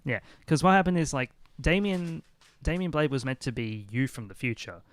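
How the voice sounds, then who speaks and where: A man's voice: medium pitch, moderate pace. Rambling casual man hosting a podcast. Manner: rambling, full of restarts and "like". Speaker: podcast host. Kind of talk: casual chat.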